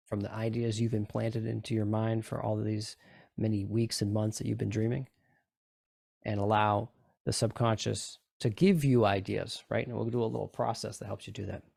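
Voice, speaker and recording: Guiding a group through tapping and relaxation, a low-voiced man with a noticeable creak and a darkish tone coaxes listeners along with repetitive, step-by-step directions. He checks in often with brief questions, and the sound is dry with no room echo.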